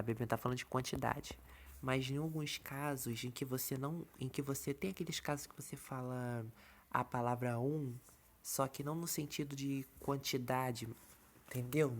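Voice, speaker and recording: A man's voice: mid-range voice, slight background noise. A man teaching an English lesson in a casual online video, often checking in with his viewers. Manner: repeats filler checks like "tá" and "entendeu", explains slowly.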